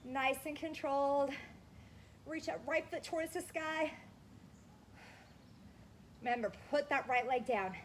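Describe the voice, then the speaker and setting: High-voiced woman fitness coach, noisy recording. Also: unhurried, pauses often. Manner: encouraging, cueing form in short instructions. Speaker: fitness instructor leading a workout. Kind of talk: coaching a home workout while exercising along. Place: indoors on carpet.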